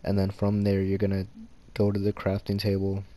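Male tutorial host: deep voice, dead-flat monotone, low late-night energy. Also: moderate pace. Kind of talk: casual tutorial voice-over.

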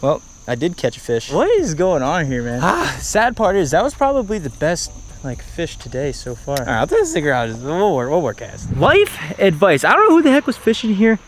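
A man in his twenties chatting excitedly to viewers on an outdoor fishing vlog, slangy and upbeat, recorded on an action camera by a pond. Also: on the high side, moderate pace, a little hiss or hum. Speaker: fishing vlogger. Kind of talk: casual outdoor vlog commentary. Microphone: action camera, head-mounted and handheld.

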